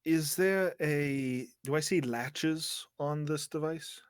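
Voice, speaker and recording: A man's voice: fairly high pitch, slow pace, clean tone, dry recording, studio quality. Man thinking aloud in a tabletop game. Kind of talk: casual tabletop role-play chat.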